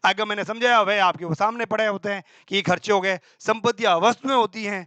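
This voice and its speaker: A male teacher running a quick exam-prep accounting class, quizzing himself aloud and answering in a student's voice, with homely examples. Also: high voice, sharp tone, no room sound. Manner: brisk and colloquial, with homely examples.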